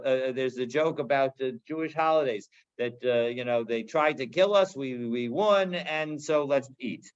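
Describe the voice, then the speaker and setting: A man teaches a daily Talmud class, reading Aramaic phrases aloud and explaining them line by line. His voice sits a little high, and he talks casually with many restarts and fillers. The recording sounds dull and lo-fi. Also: a bit bright.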